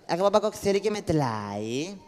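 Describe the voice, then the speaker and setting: A man's voice: high voice, sing-song, a little mellow, faint music behind. A man voicing cheeky little boys in a live shadow-puppet show, with a childish, sing-song way of talking back to their father. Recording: echoey hall, live show.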